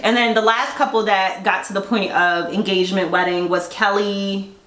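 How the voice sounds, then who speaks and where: A woman co-hosting a casual chat recap, animated, acting out quotes and swearing freely. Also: mid-range voice, moderate pace, roomy sound. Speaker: podcast co-host.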